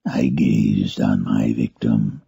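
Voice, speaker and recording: Frankenstein's monster, gravelly, slow and brooding. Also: male voice, rumbling low, warm tone, no echo, lo-fi sound, voice pushed down, full character voice. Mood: dark, grim. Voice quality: gravelly, husky, breathy. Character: Frankenstein's monster, vengeful tormented outcast creature, brooding and menacing. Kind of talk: dramatic first-person literary monologue.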